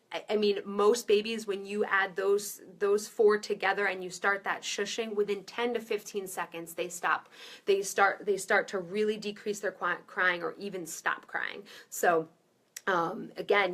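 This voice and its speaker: A woman's voice: mid-range voice, sharp tone. A woman in her thirties, a maternity nurse, teaching parents in a loose, chatty live-stream way with many fillers and restarts. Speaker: maternity nurse giving baby-soothing tips.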